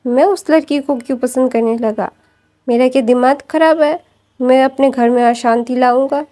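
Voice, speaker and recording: Woman doing a middle-aged dad, blunt, indignant, mellow tone. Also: high-pitched, normal speed, natural voice.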